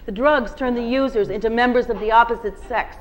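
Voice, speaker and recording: A woman, invited as a guest reader, reads a first-person novel expressively to a bookstore audience. Her voice is on the high side and her pace a little fast. The sound quality is lo-fi.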